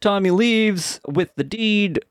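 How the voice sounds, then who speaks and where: A man's voice: high voice, slow, clean tone, no room sound, clean studio sound. A man co-hosting a podcast, recapping a TV episode in a laid-back, chatty way with frequent laughs. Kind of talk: casual chat.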